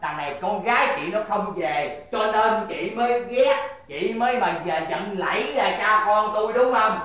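A man's voice: high-pitched, normal speed, fairly bright tone, heavy reverb. A man playing a cheerful, boastful older village man in a stage comedy sketch, who exclaims and protests a lot. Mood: protesting. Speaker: comedy skit actor.

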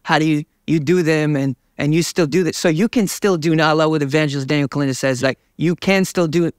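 Casting: young male evangelist, slightly higher voice, smooth and resonant, fervent preacher cadence, dry studio. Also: steady tone, a little fast, no echo. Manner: fervent, preacher-like, gestures while talking. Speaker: evangelist guest. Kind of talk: interview about faith. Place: dark studio set, seated.

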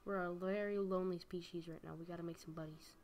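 A young woman hosting a gaming video chats and giggles through a casual let's-play from her home room, talking to the creatures on screen. Her voice sits on the low side, a little mellow, with fairly even intonation and a fast pace. She's recorded on a home desk microphone.

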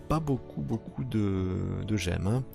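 A man's voice: on the low side, gravelly, warm tone. A man commenting on a solo board game playthrough, counting moves aloud and muttering asides.

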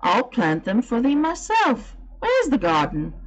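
A woman voicing a cheerful farm boy who talks to birds, in a broad with a gentle, friendly manner, in a storybook reading. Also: on the high side, huge pitch swings, a little slow, pitched above the performer's own voice, rough recording.

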